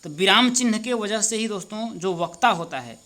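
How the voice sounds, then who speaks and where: A man's voice: high-pitched, lively intonation, normal speed, pushed and bright. A man tutoring students through an exam paper, explaining step by step, asking and answering his own questions and calling the viewers friends. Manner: addresses viewers as friends, repeats words while working out phrasing. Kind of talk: exam paper walkthrough lesson.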